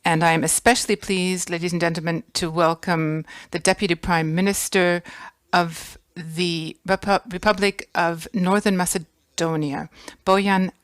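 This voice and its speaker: Woman hosting a conference, low-ish voice, formal and gracious, pretty dry sound. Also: fairly even intonation, clear, resonant tone, no echo. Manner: gracious, formal, listing guests with pauses. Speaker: conference host. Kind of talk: formal welcome speech. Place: conference hall.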